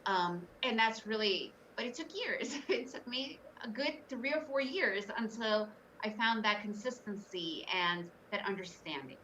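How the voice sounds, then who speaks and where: Guesting on an interview podcast, a middle-aged woman who trades, Soviet-born and US-raised, candidly shares her story with earnest emphasis. Her mid-range voice is animated, bright and forceful, a little slow with few pauses, and the lo-fi audio catches her far from the mic amid slight background noise.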